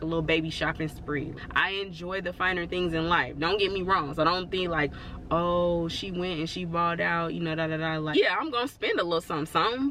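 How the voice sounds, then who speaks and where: Chatty bright-voiced woman vlogger. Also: deep voice, a little hiss or hum. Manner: chatty and rambling, full of "like" and "you know"; encouraging, reassuring. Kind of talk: casual motivational talk to camera.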